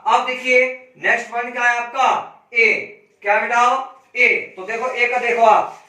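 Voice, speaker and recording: A man teaching a reasoning class, spelling out letters slowly and asking students questions he then answers himself. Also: extremely high pitch, flat delivery, sharp tone, distant mic. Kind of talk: classroom lesson. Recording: echoey room, voice from off-mic.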